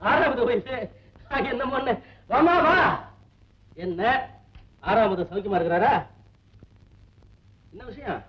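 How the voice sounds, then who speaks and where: A woman's voice: on the high side, animated, measured pace, pauses often. An actress playing a motherly landlady who coaxes and advises a young wife in an old film comedy. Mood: coaxing. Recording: roomy, dull old film soundtrack.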